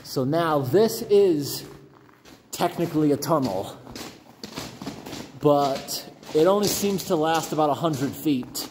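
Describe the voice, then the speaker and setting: A man's voice: on the high side, animated, slow pace, long pauses, a little mellow, slight background noise. A man exploring abandoned railroad tunnels on foot, chatting casually to viewers as he walks. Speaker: urban explorer vlogger. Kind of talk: walking commentary.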